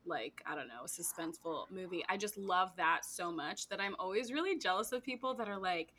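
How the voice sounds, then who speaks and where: A woman's voice: lowish voice, animated, fairly quick, pushed and bright, slight background noise. A woman co-hosting a podcast, chatting casually and rambling with lots of "like". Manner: rambling, fillers of "like". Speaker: podcast co-host. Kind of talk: casual chat.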